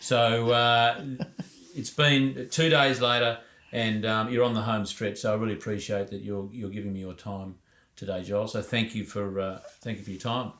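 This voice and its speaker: An Australian man speaking as a podcast host and interviewer, with a somewhat hesitant, halting delivery. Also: on the low side, flat delivery, fairly bright tone.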